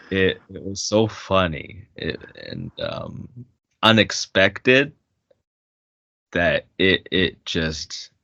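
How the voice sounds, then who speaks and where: Man, very deep voice, casual podcast chat, dry, slightly dull recording. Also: creaky, no room sound. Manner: animated storyteller, laughs often, many restarts. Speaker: podcast co-host.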